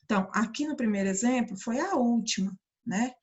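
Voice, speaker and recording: A woman teacher with a Brazilian Portuguese accent explaining a grammar lesson, drawing out example words slowly and often checking that the listeners follow. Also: on the high side, animated, slightly rough, muffled recording. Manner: slow, stretched-out pronunciation of example words; frequent check-ins with listeners. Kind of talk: recorded classroom lesson explanation.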